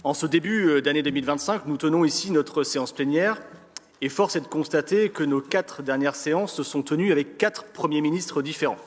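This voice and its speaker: A man with a French accent from France reads a formal political speech as an elected councillor, in a measured, rhetorical manner with deliberate pauses. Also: fairly high pitch. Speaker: elected local councillor giving an opening speech. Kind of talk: formal political speech read from prepared text. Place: large council chamber. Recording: reverberant hall sound.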